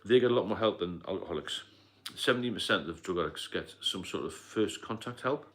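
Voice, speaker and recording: British man, very low voice, middle-aged, rambling live stream chat, coughs and fillers. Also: lively intonation, fairly quick, fairly bright tone. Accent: British English. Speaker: livestream host, sobriety mentor. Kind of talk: casual live stream talk.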